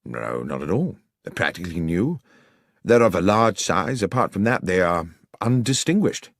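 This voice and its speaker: Puzzled gentleman doctor , read by a man, detective audiobook. Earnest, polite, questioning, animated pitch, dry sound. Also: moderate pace, creaky, dry recording, exaggerated voice.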